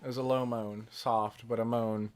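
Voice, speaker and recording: A man reading a story aloud deadpan while gaming, with offhand asides. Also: medium pitch, normal speed, soft background music. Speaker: fan fiction reader.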